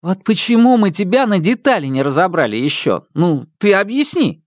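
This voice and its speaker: An indignant young inventor, as a male reader puts him on, pitched high and ranting. His voice swoops up and down with outrage. Dry, close recording. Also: big pitch swings, slow pace, darkish tone, dry recording.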